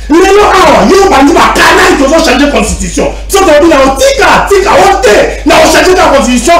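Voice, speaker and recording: Man, high lively voice, heated debate, echoey room, faint music. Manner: animated, shouts at times, mixes French and Lingala. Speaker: political commentator.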